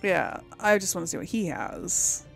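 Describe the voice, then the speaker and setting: A woman hosting a let's play comments casually on a role-playing video game, thinking aloud and laughing a lot. Her voice is lowish, gravelly and a bit bright at a normal pace, heard over game audio with faint music.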